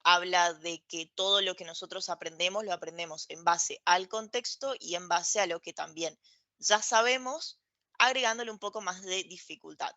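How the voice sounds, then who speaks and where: A woman with a fairly low, sharp voice talks at normal speed about her experience as a podcast guest, checking in with tag questions in a casual, explanatory conversation. The recording is dry and dull lo-fi with no room sound.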